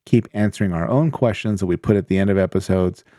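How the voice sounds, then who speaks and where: A man's voice: low voice, fast talker, dark tone, no echo, clean studio sound. A man co-hosting a podcast in casual chat, joking and laughing often. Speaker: podcast co-host.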